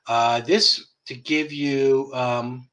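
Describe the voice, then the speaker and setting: Bright-voiced guy ranting on his show, swears a lot, keeps chuckling. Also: medium pitch, steady tone, very slow, muffled recording. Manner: blunt, profane and mocking, chuckles through lines. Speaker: host. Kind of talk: online commentary rant.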